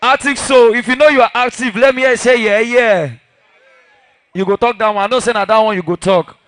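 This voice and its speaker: A man's voice: very high voice, steady tone, a little fast, no echo. A man with a Nigerian accent working as a hype man, calling out to a crowd on a microphone in a hyped, chanted promo style at a live lounge event. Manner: hyped, shouted promo delivery with short chanted call-outs.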